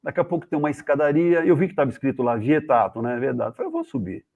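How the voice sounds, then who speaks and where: A man's voice: on the high side, rapid-fire. Brazilian man telling stories over a tinny call. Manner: animated, acts out the voices in his anecdotes. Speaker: guest journalist. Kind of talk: casual storytelling. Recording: tinny phone-like video call audio.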